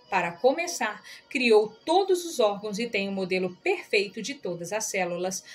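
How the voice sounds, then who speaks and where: A woman reading an audiobook aloud in a calm, measured narration. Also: fairly high pitch.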